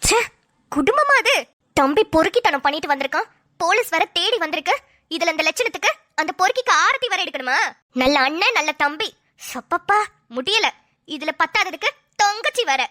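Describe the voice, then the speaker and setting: A woman voicing a sharp-tongued young wife in a cartoon, grumbling and sarcastic. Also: very high-pitched, big pitch swings, brisk, heavily acted. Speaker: cartoon voice actor. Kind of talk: cartoon voice acting.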